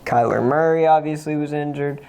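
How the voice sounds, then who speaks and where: A co-host on a casual sports podcast, chatty and quick to list teams and injured players. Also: medium pitch, darkish tone, clear, resonant tone.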